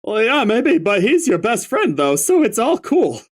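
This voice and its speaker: A reader pitches above their own voice at medium range to perform a young male stoner clown troll in a webcomic read-aloud. Unhurried, with huge pitch swings, the character slurs in a clownish drawl, swears lazily, and marvels at everything.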